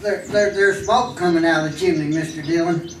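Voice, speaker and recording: A man's voice: a little high, a little fast, close to an everyday voice. A man as Chester, stammering folksy western sidekick. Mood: uneasy. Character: excitable, simple, deferential deputy sidekick. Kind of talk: 1950s radio western acting. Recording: noisy, echoey old radio recording, distant.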